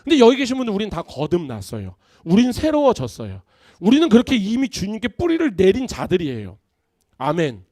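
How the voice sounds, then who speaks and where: A man, a pastor, preaching a sermon in an animated, conversational way in a church. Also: sits high, fairly quick, no echo, clean studio sound. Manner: animated, conversational preaching with acted-out family quotes. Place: church sanctuary.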